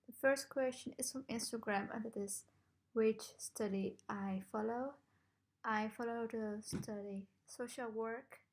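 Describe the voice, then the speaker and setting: A woman's voice: on the high side, steady tone, a little slow. A young woman from the Netherlands answering viewer questions in a casual vlog, talking in a hesitant, self-conscious way. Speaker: vlogger. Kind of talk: casual Q&A to camera.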